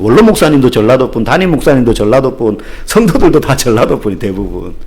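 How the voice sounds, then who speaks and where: A man's voice: medium pitch, a little mellow. A man from the Gyeongsang region of Korea, a pastor giving a sermon, telling stories with acted asides and humor.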